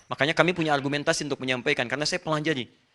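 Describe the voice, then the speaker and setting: A male preacher lectures with bright, forceful energy and a rather high voice. He explains point by point and turns often to address his listeners directly. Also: fairly even intonation, racing, a little hiss or hum. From Indonesia. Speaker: Islamic preacher. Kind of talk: religious lecture.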